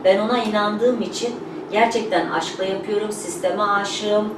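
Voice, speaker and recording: A woman's voice: mid-range voice, steady tone, normal speed. A woman hosting an event, giving an informal thank-you speech in an earnest, emphatic, repetitive way. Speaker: company representative hosting a showroom opening. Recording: echoey room, distant mic, noisy background.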